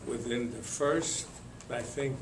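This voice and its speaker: An older man from Lithuania, telling his life story to an audience in a slow, halting way with many pauses and fillers. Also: medium pitch, roomy sound, very noisy. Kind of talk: spoken testimony to an audience.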